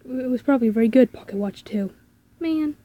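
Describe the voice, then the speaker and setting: A woman's voice: high-pitched, a little fast, no room sound, dull audio. A woman playing a horror game and commenting, hesitant and thinking aloud as she goes. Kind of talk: let's play commentary.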